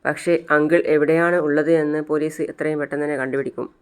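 A man voicing a steady young man who reassures his worried family, measured and calm. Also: fairly high pitch, smooth, natural voice. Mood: reassuring.

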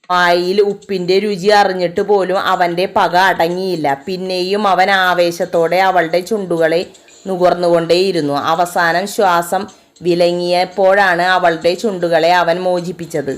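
A woman reading a dramatic romance story aloud in a steady storyteller voice. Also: lowish voice. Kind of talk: scripted story narration.

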